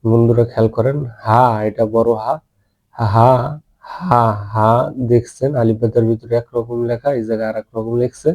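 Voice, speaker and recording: A man teaching Quran reading, drawing out each syllable slowly and often checking that his listeners follow. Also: medium pitch, level tone, darkish tone. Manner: patient, drawn-out syllables, asks "ঠিক আছে?" often. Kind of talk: slow letter-by-letter recitation lesson.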